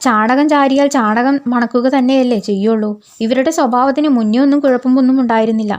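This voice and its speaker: A woman reading out the retorts of a sharp-tongued young woman in a serial recap. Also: fairly high pitch, fairly even intonation, a little fast, natural voice. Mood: indignant.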